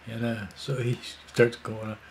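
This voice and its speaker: A man's voice: mid-range voice, level tone, a little slow, slight background noise. A man in his sixties telling a rambling, casual story full of fillers and asides. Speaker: vlogger.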